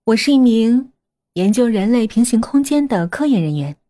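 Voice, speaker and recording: A woman voicing a scheming elder sister, a scientist, who explains calmly in a slightly eerie way. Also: fairly high pitch, normal speed, close to an everyday voice.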